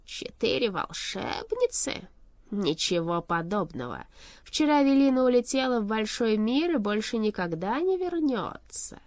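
A woman voicing a proud, tormented shadow king who once betrayed his side, speaking slowly and heavily. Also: lowish voice, sing-song, no room sound, clean studio sound. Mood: commanding.

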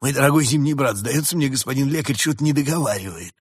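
A man's voice: mid-range voice, fast, husky, dry recording, studio quality, voice pushed up, natural voice. A man voicing a playful, greedy male spirit of summer in a read-aloud fairy tale, speaking cheekily.

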